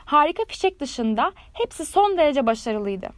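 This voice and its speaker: Woman, fairy-tale reader, expressive, measured, high voice, dry close recording. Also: dry recording. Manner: measured, lively storytelling. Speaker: storyteller.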